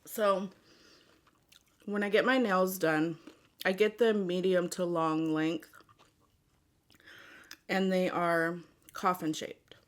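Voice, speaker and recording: Female food vlogger, lowish pitch, informal and rambling, talking straight to viewers at an easy, unhurried gait. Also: fairly even intonation. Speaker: mukbang vlogger. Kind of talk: casual chat to viewers.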